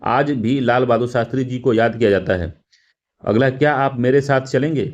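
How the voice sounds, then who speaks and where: A man's voice: mid-range voice, normal speed, darkish tone, dull audio. A male teacher going through exam practice questions, repeating words and correcting himself, with frequent fillers. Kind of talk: explaining test answers.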